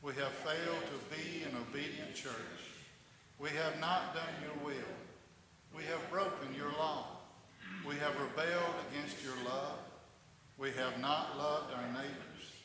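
A pastor leading a communion liturgy in a measured, reverent way, his voice carrying a cathedral echo in a large church sanctuary. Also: a little high, steady tone, over a noisy crowd. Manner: measured, reverent reading with slow stresses. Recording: echoey church hall from a distance, faint noise.

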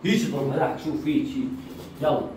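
A woman's voice: low voice, fast talker. A woman running a playful game with her kids for a family vlog, bossy and laughing as she instructs them. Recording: echoey room, mic far off, noisy.

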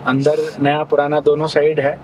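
A man's voice: a little high, completely flat delivery, moderate pace, noisy background. A middle-aged man co-hosting a travel vlog, making short remarks and agreeing replies during a drive. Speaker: co-host. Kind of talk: casual travel chat. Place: inside a car on a mountain road.

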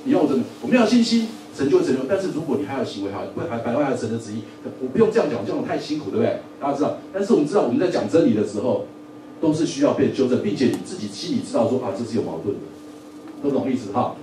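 A man teaching a Bible lesson in a church Sunday school, lively, often asking the audience questions and joking. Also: medium pitch, very fast, slight background noise. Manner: lively, asks the audience questions, repeats words, jokes. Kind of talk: sermon-style Bible lesson. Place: church hall. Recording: echoey room from a distance, faint ambience.

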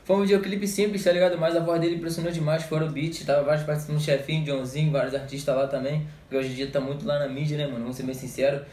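Young Brazilian male reactor, quick, slangy street talk, headset in a roomy little room. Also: fairly high pitch, level tone, darkish tone, slight background noise. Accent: Brazilian Portuguese. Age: young adult. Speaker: music reaction youtuber. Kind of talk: casual reaction commentary. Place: small indoor room, gaming chair. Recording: echoey small room.

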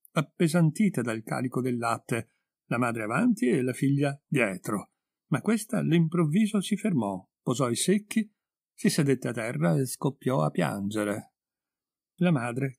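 A man reading a story aloud in measured, unhurried narration into a close mic. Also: medium pitch, vocal fry, darkish tone, husky, dry recording. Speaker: reader.

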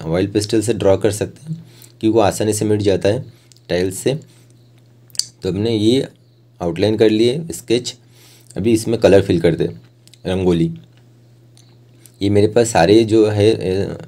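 In this art tutorial voice-over, the young male host explains each step plainly in a very mellow, lowish voice. Occasionally he halts partway through a sentence while finding the right word.

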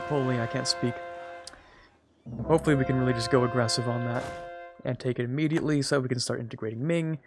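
A young man's gravelly, mid-range voice, a bit strained, carries his casual commentary on a strategy game let's-play. He's chatty and self-deprecating, often addressing the computer rivals as he plays.

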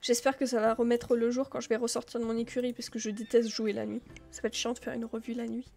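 A woman's voice: a little high, level tone, fast, creaky, a little mellow, faint music behind. A woman giving casual, rambling commentary as she plays a video game, with many filler words. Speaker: gameplay video creator.

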